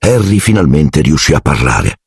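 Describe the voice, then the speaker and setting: A man narrating an audiobook in an expressive storytelling manner. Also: a bass voice, moderate pace, breathy edge, dry recording, clean studio sound.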